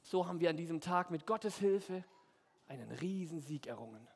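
A man telling a Bible story to children in character, playful and animated, speaking straight to them. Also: fairly high pitch, normal speed, breathy edge. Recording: echoey hall.

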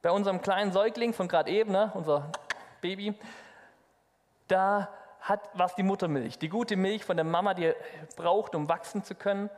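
Brief: male preacher, high pitch, lively sermon, long reverb of a hall. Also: moderate pace. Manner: lively, addresses the congregation directly.

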